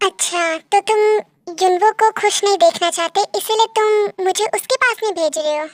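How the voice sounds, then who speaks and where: A woman voicing a feisty young college girl who scolds in a sharp-tongued way in a voiced story reading. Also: extremely high pitch, normal speed. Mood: defiant.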